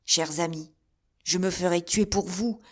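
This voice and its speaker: Woman reader doing a forceful middle-aged musketeer captain, urgent and commanding, audiobook. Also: fairly low pitch, unhurried. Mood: hushed warning. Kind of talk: audiobook character reading.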